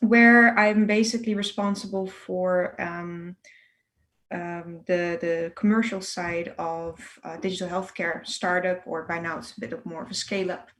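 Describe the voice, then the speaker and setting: A woman's voice: on the low side, little pitch movement, unhurried, a bit bright. A young woman from the Netherlands, introducing herself eagerly on an online panel, with many filler sounds. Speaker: panelist, healthcare startup manager.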